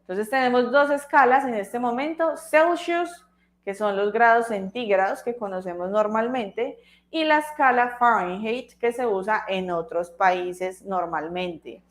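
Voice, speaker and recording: A woman, teaching an online English class, speaking slowly and carefully and repeating words so students can hear how they are pronounced. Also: fairly high pitch. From Colombia. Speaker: English tutor.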